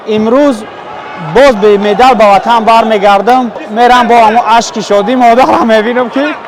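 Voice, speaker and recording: Guy fighter, emotional and upset, high voice, noisy crowd. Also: fairly even intonation, normal speed. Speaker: fighter talking after a bout. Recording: loud crowd in the venue.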